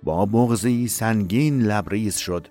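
A man reading a dramatic novel aloud in a measured, emotive storytelling voice. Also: on the low side, warm tone. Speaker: narrator. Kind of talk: dramatic audiobook narration.

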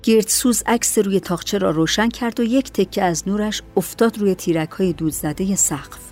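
A woman narrating a story in a calm, measured audiobook reading. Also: mid-range voice, faint music behind.

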